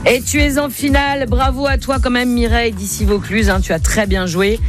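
Chatty radio quiz host, mid-pitched voice, teasing banter, music playing behind. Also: level tone, brisk. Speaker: game show host.

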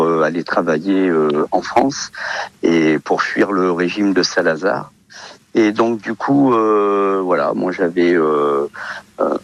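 Man, 50s, from Portugal, very low voice, halting radio guest. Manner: hesitant, many fillers. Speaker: olive oil seller guest. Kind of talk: radio interview.

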